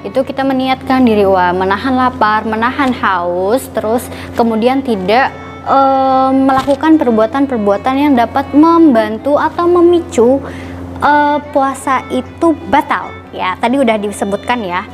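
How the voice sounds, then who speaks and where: High-voiced woman teaching children through puppetry. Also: measured pace, faint music behind. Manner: simple explanations with repeated questions and phrases. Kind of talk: educational storytelling dialogue for children.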